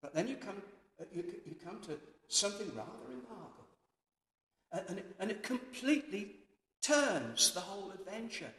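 A man's voice: high-pitched, big pitch swings, moderate pace, pushed and bright. A man preaching a sermon, earnest and emphatic, his voice rising and falling with many restarts. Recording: echoey hall.

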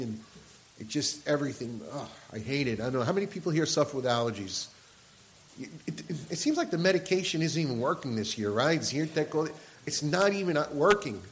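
A male pastor speaks with a congested, nasal voice in a mid-range pitch. His delivery is earnest and measured, as in a sermon with scripture reading and prayer. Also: slight background noise, rough recording. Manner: earnest, measured preaching with soft prayerful passages.

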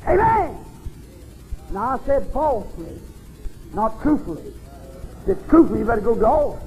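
An older man with a drawl preaches, spinning folksy stories from the pulpit. His voice sits high, and it swings between loud, ringing lines and soft asides. Faint music plays behind him. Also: sing-song, moderate pace, low-quality recording. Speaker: pastor. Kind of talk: sermon.

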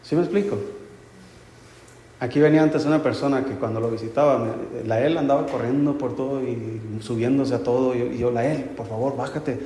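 A man's voice: medium pitch, steady tone, normal speed, mellow. Pastor guy preaching, chatty and joking, big echoey church hall with long reverb, a bit of room noise. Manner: conversational preaching with humorous anecdotes. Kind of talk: sermon.

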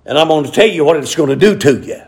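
A middle-aged man preaching a sermon, telling folksy stories and rising to shouted emphasis. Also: a little high, expressive, fast, vocal fry.

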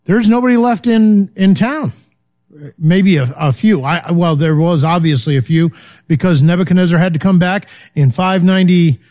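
A man's high, somewhat mellow voice guides an informal Bible study. He speaks conversationally with plenty of fillers and checks in often with "okay?"

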